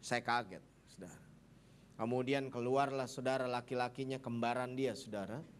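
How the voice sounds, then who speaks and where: A man's voice: medium pitch, moderate pace, slight background noise. A man preaching a sermon as a pastor in a church, telling a story with animation and often calling out to the congregation.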